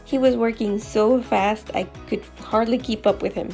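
A woman's voice: a little high, steady tone, moderate pace, dark tone, soft background music. Upbeat, encouraging woman vlogger. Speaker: home renovation vlogger. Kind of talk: friendly voice-over narration. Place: home living room, indoors. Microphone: lapel mic.

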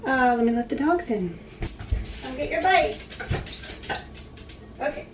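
A woman's voice: sits high, expressive, unhurried, background noise. A woman in her forties chatting casually on a home vlog from her kitchen, rambling and laughing often. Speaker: vlogger. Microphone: camera on the counter, sometimes handheld.

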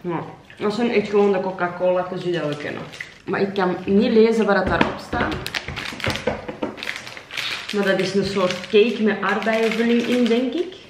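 A woman's voice: mid-range voice, moderate pace, long pauses, distant mic. A young adult woman with a Flemish accent hosting a casual family taste-test chat at a table indoors. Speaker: family vlog host. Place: indoor room at home, around a table. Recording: roomy echo, clear background noise.

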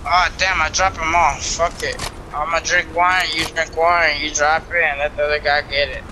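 A man's voice: a little high, little pitch movement, moderate pace. A young man chatting casually as he streams a game, talking in sweary frat-bro slang over game noise. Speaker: gamer streaming to viewers. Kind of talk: casual live gaming chatter. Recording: noisy game sound behind voice.

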